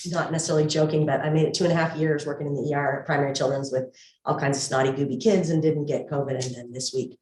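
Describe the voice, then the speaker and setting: A woman's voice: sits low, steady tone, fast talker, a little mellow. A woman speaking through a face mask, giving an earnest, conversational introduction as a political candidate at a community meeting. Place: indoor community meeting room. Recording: echoey room, far from mic.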